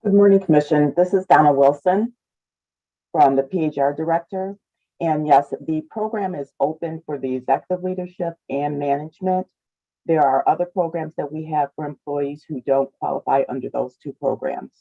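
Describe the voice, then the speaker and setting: A woman who is a county human resources director answers questions at a public meeting over a remote computer link, and her audio comes through muffled and low in quality. She gives brief, matter-of-fact answers. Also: moderate pace, mellow, no room sound. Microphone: computer mic on a remote call.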